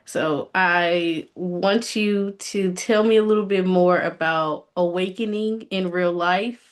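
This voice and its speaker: Lower-pitched young woman with a British accent. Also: slow. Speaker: interviewer. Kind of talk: conversational interview.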